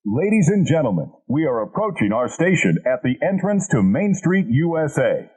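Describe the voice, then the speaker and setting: A man's voice: fairly high pitch, sing-song, normal speed, a little mellow, slightly rough. A man's recorded station announcement, formal, heard from a distance. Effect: played-back transit announcement recording.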